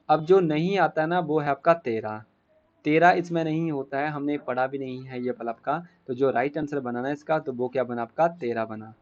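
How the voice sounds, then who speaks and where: A man's voice: a little high, highs cut off. Man teaching a grammar lesson, questioning. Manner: explains step by step with many rhetorical questions. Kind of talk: exam-prep grammar lesson.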